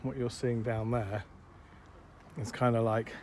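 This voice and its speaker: A man chatting casually as he films a travel vlog outdoors, relaxed and quick to laugh. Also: mid-range voice. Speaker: travel vlogger. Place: outdoors at sightseeing spots. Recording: loud outdoor wind and traffic noise.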